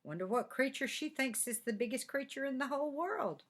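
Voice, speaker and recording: An older woman, in her sixties or beyond, reads a picture book aloud to children in an office. Her high voice moves a little fast, and she's grandmotherly and expressive, adding chatty asides and repeating admiring words.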